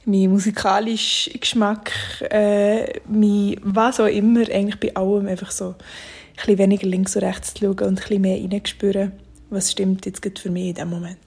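Mellow, husky Swiss German woman. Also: medium pitch, level tone, fairly quick. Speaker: singer interviewed about their own music. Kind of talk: casual reflective interview talk.

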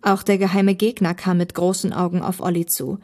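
A young woman reading her own short story aloud with lively, expressive narration. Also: on the low side, a little fast. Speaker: narrator, author and reader.

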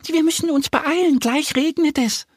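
A man voicing an eager, helpful little female duck in a children's audio story, with a high excited squeaky delivery. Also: normal speed, no room sound, clean studio sound.

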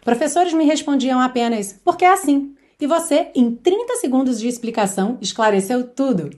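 A native-speaking woman with a high-pitched voice teaches English in a lively online lesson. She's energetic and sometimes sings lyric lines slowly to demonstrate them.

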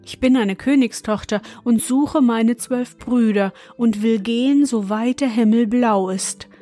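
A woman reading as a gentle young princess. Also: fairly high pitch, unhurried, soft background music, natural voice. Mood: earnest. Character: young princess seeking her brothers, gentle.

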